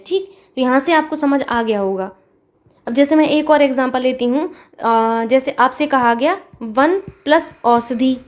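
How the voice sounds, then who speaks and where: A woman teacher giving an exam-prep grammar lesson, patient and repetitive, talking straight to her students. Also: high voice.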